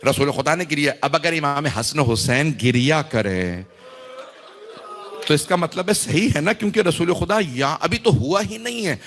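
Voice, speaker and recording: A man's voice: a little high, expressive, fairly bright tone. A man, a cleric, delivering an emotional mourning sermon to a gathering, grieving and impassioned, drawing out his phrases as his intensity builds. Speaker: Shia cleric addressing a majlis.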